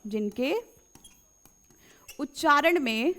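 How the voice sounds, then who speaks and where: Woman teacher, high voice, repeats key phrases, quizzes pupils, addresses them fondly. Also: lively intonation, drawn-out words, bright, forceful tone. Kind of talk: exam-prep grammar lesson.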